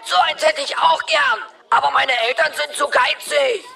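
Brief: a sharp-voiced, sulky cartoon radio boy. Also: high voice, very animated, normal speed, gravelly, soft background music, exaggerated voice. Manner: sulky, wheedling. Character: talking radio, bratty boy.

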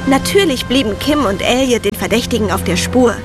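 A woman's voice: a little high, lively intonation, fairly quick, close to an everyday voice. An actress voicing a teenage girl who narrates her own story in a wry manner. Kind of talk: dubbed series narration. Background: music.

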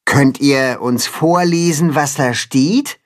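A man voicing a patient, serious farm animal in a storybook reading, speaking slowly and calmly. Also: mid-range voice, natural voice. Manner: calm, patient.

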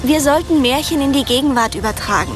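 A woman's voice: high-pitched, lively intonation, fast, over music. An actress voicing an earnest teenage girl who patiently explains things in a cartoon dub. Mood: reassuring.

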